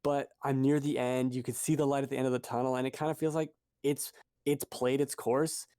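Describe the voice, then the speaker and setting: A man's voice: medium pitch, little pitch movement, brisk, mellow, clear, resonant tone, no echo, clean studio sound. A man co-hosting a podcast in casual chat, rambling and correcting himself as he goes. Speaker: podcast co-host.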